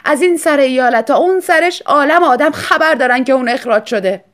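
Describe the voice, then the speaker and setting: A woman voicing a distraught, demanding rich woman writer who shouts her wants. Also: natural voice. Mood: bitter. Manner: loud, shrill outbursts.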